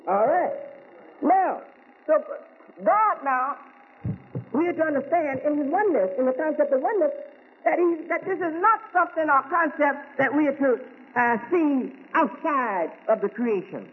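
An American Islamic teacher delivers a religious lecture in an extremely high, animated voice at a moderate pace. Rhetorical questions and repeated key words mark his speech, captured in tinny, phone-like audio with a faint hiss.

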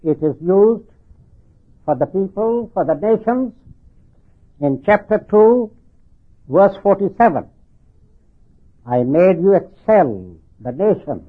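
An older man preaching and explaining scripture, deliberate and halting, repeating phrases, with slightly slurred lips-over-teeth articulation from artificial teeth. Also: high voice, lively intonation, husky. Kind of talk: religious sermon explaining scripture. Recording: thin phone-like band-limited sound.

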